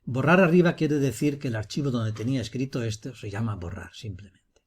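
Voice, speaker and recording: A man teaching, talking through a screencast software tutorial step by step in an explanatory manner. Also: mid-range voice, brisk, breathy edge.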